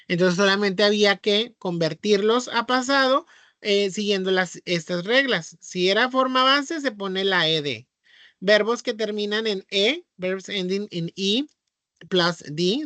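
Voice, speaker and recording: A man's voice: high-pitched, bright, forceful tone, no echo. A man with a Mexican Spanish accent teaching English grammar in an online class, explaining patiently and checking in with the students often.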